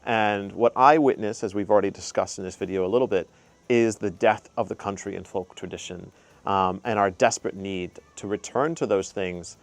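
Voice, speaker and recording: On his own channel, a young man from the United States talks earnestly and casually about spiritual matters, offering heartfelt advice with frequent ums and uhs. His voice is fairly low and his pace normal.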